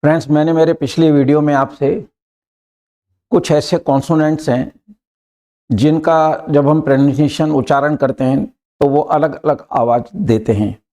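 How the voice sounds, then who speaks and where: Male language teacher, slightly high, mellow voice, patient and repetitive explainer. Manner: patient, repeats key points, checks in with "clear?" and "right?". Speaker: English pronunciation teacher. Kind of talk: explanatory lesson mixing Hindi and English.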